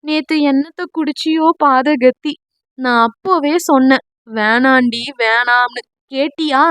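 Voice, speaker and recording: A woman's voice: high-pitched, fairly even intonation, measured pace, fairly bright tone, no echo. Brief: woman reading a mischievous young husband, fake-dramatic wails and teasing, dry close audio-novel read. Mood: mock wailing. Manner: theatrical fake wailing.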